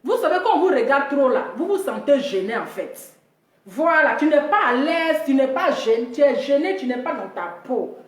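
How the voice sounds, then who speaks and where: Woman from africa telling a funny story, high voice, squeals when she mimics people, echoey room. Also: big pitch swings, moderate pace. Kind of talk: comic storytelling monologue.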